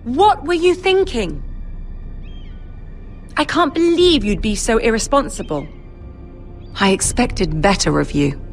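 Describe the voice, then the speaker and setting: Poised, slow-spoken young noble lady. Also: on the high side, expressive, faint music behind. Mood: regretful, disappointed. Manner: formal, measured, imperious. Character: poised, commanding young noble lady, betrothed future queen. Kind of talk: dramatic video game acting.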